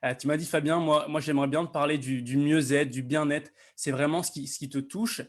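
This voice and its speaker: An upbeat man hosts a live online interview and greets his community. His voice is on the high side, and he talks in a friendly, halting way, often restarting his sentences. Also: steady tone. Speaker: host.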